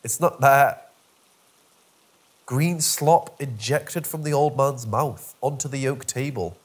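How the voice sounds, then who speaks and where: A man narrating a scripted first-person horror story with wry, dark humour. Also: mid-range voice, measured pace, slightly rough.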